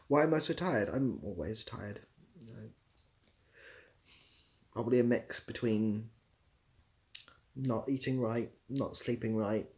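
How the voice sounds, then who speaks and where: This young man's voice is lowish and slightly mellow as he hosts a relaxed livestream. He reads out comments, then wanders through dry answers that poke fun at himself.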